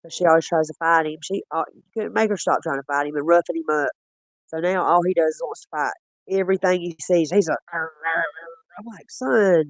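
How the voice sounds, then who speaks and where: A man chatting casually while reviewing footage, rambling and quick to laugh. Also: a little high, no room sound. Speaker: cryptid-hunting streamer.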